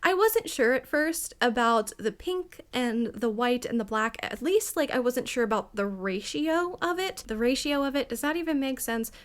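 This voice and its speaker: A young woman doing chatty, casual build commentary in an excitable, rambling, over-caffeinated way, often giggling between phrases. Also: fairly high pitch, normal speed, few pauses. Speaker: gaming video creator.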